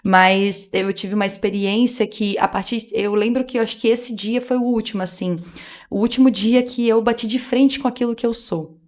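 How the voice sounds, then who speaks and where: A woman's voice: a little high, fairly even intonation, moderate pace. A woman guest, telling her faith testimony in casual chat, earnest and emotional, acting out remembered dialogue. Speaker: podcast guest.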